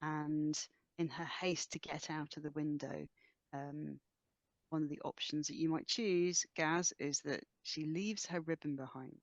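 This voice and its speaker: Slow, deliberate player on a dull, dry mic. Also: mid-range voice, fairly even intonation, no echo. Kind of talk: tabletop role-play discussion.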